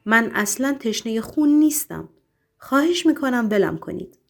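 A woman's voice: fairly high pitch, animated, creaky. A frightened vampire henchman, put on by a woman reader pleads in a thin, raised voice. He speaks weakly and stammers. This is an audiobook reading. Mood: pleading. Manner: weak, stammering, begging.

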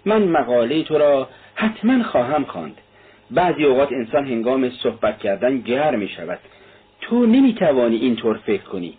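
A man's voice: medium pitch, sing-song, husky. A man reading the part of an earnest, impulsive young male friend who protests openly. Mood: protesting. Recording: tinny narrow-band audio.

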